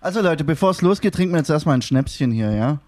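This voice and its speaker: A man's voice: a little high, animated, fast, darkish tone, slight background noise. A man chatting casually on a podcast panel in a jokey, blunt, colloquial way. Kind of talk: casual banter.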